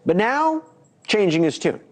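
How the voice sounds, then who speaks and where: A man's voice: high voice, big pitch swings, a little slow. A man hosting an entertainment news show, reporting a court story and then interviewing a guest. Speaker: news host.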